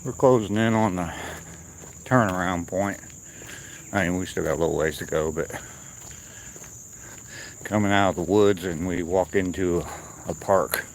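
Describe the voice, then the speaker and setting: A man walking and talking on a wooded trail outdoors, chatting casually and unscripted to his viewers, with pauses. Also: sits low. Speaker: livestreamer on a morning walk. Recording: outdoor noise, insects and nature ambience.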